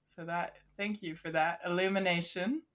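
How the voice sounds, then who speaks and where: A woman co-hosting a podcast, chatting casually in a teasing, expressive way. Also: lowish voice, moderate pace. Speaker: podcast co-host.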